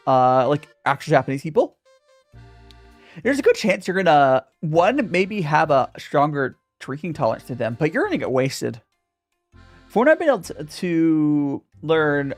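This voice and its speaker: During a laid-back livestream Q&A, a young man with a voice on the high side reads viewers' chat questions aloud, often tripping over his words and starting his sentences again. His delivery bounces animatedly in pitch, and gentle music plays softly in the background.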